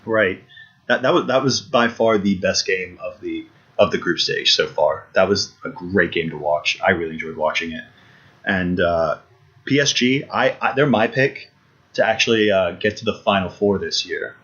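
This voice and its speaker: A low-voiced man co-hosts a casual football podcast and talks eagerly, circling back to his points with restarts and fillers. The audio is dull and lo-fi. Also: normal speed, bright, forceful tone. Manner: eager, repeats himself, many restarts and fillers. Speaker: podcast co-host. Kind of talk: casual sports chat.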